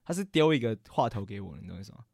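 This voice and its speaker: A man's voice: on the low side, lively intonation, rapid-fire, creaky, darkish tone, no echo, studio quality. A young man, a podcast co-host telling a story in casual chat, rambling and often correcting himself. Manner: rambling, stammering, frequent self-corrections.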